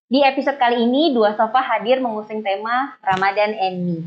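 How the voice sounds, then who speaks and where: A woman's voice: fairly high pitch, brisk. A young woman hosting a radio talk show, who greets the audience and coaxes her guest in a friendly, polite way. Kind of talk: casual interview chat. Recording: dull lo-fi sound.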